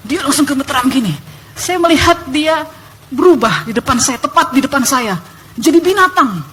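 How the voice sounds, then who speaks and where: A young woman telling her testimony in church, animated and emphatic, addressing the congregation. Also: high-pitched, slight background noise.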